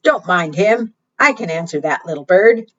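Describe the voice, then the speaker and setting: A woman's voice: on the low side, animated, normal speed, fairly bright tone, dull audio. A woman voicing a friendly, helpful mother sled dog in a children's storybook.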